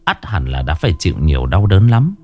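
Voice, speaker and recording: A man narrating a ghost story in a dramatic, expressive way. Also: low-pitched, fairly quick.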